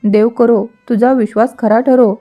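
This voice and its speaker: A woman reading the part of a frail elderly mother-in-law who speaks softly and sorrowfully. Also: a little high, steady tone, normal speed, lo-fi sound, soft background music, natural voice. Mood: tender. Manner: soft, sorrowful.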